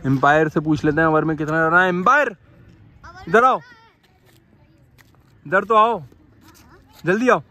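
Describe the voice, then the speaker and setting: Somewhat slow and pausing often, this highish male voice belongs to a young Pakistani commentating ball by ball on a street cricket match. Filmed outdoors by phone on a dirt ground, he repeats excited play calls and calls out to the umpire.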